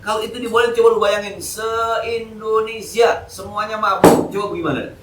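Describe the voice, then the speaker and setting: A man's voice: high-pitched, steady tone, moderate pace, heavy background noise. A man giving a casual, joking evening sermon at a mosque, full of colloquial street slang. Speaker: ustadz giving an Islamic study lecture. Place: mosque hall. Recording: echoey hall, mic from a distance.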